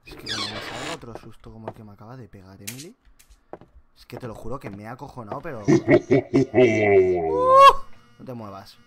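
A man's voice: fairly low pitch, quick pace, background noise. A man with a Spanish accent from Spain, commenting on a horror game as he plays it, scared, muttering and yelping. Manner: jumpy, scared and muttering, with sudden yelps. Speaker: gameplay youtuber.

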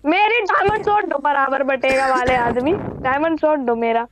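A man's voice: extremely high pitch, normal speed, background noise. A young male co-player who whines, pleads and jokes while they play. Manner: whiny, pleading, joking.

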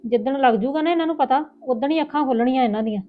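A woman's voice: sits high, lightly acted. A woman playing an outspoken elder sister in a Punjabi village family drama, speaking with a Punjabi accent. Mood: indignant. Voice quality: fast, outspoken, indignant. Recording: tinny phone-like lo-fi with music.

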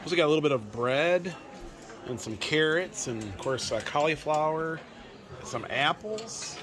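A travel vlogger in his forties sits at a busy restaurant table indoors, chatting casually about his meal in a fairly high, animated voice without rushing. He often laughs and repeats words, and background noise from the crowded restaurant is ever-present.

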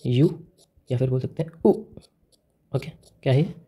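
A man's voice: medium pitch, moderate pace, warm tone, slightly rough. A man with an Indian accent teaching Japanese writing step by step, often asking the viewer questions and mixing English into his Hindi. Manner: mixes English words into Hindi. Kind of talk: whiteboard lesson in Hindi mixed with English.

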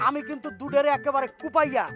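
An actor playing a hot-tempered, blustering village YouTuber husband in a TV comedy drama. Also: male voice, very high-pitched, level tone, fast talker, over music. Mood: threatening. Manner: bluster and threats in a rustic voice.

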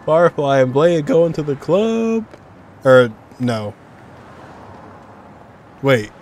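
This young man's voice is fairly high and his pace slow, with a little hiss or hum on the recording. Seated at a desk in an indoor room, he hosts a game reaction video, chatting casually and exclaiming and laughing animatedly at the screen as he reacts live.

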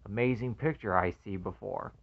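A man unboxing a movie collection in casual commentary, earnestly excited, reading the labels aloud and calling each one very amazing. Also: on the low side, normal speed, creaky, dull audio, slight background noise.

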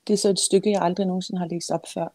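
A woman author reads a passage from her own novel in a low, mellow voice. She sounds close and dry, and when she speaks freely she pauses often and uses many fillers. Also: fairly even intonation, no room sound.

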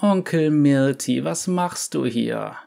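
A man's voice: on the high side, expressive, takes it slowly, gravelly, warm tone, full character voice. A man voicing a gloomy, sulky young female yordle who answers curtly in a storybook reading. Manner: sullen, curt.

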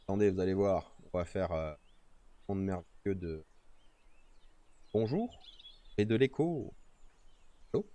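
A man's voice: fairly low pitch, dark tone. A man streaming outdoors, talking casually to himself and his viewers while fiddling with his microphone settings. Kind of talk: casual live-stream chat. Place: outdoors in nature. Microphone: streaming microphone with noise gate.

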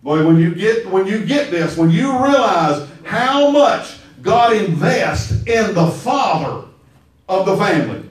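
A pastor preaching an emphatic, storytelling sermon and calling on his listeners. His voice is high for a man. It rings out across a very echoey church sanctuary, picked up by a mic some way off. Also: sing-song, slow. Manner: emphatic, call-and-response, storytelling. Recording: very echoey hall, mic far off.

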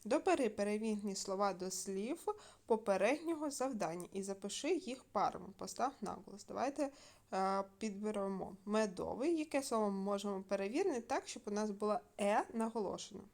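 Woman teacher giving a slow, clear video lesson. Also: mid-range voice, animated, darkish tone. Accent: Ukrainian. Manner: slow, clear dictation with fillers. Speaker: primary school teacher.

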